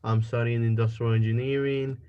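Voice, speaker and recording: Flat-voiced young man from Puerto Rico. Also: medium pitch, a little fast, dull audio, a little hiss or hum. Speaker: student.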